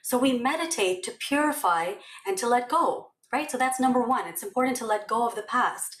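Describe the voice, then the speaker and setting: A woman's voice: a little high, lively intonation, fairly quick, a bit bright. Woman, meditation teacher, casual storytelling tone, echoey room. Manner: chatty, many fillers and "okay? right?" check-ins. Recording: roomy echo.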